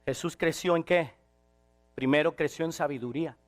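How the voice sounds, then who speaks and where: A man preaching a sermon, swinging from shouted passages to quiet, intimate ones. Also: a little high, moderate pace, faint music behind.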